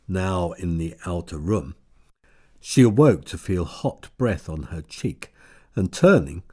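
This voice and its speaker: Deep, slow male audiobook narrator. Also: warm tone. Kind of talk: scripted narration.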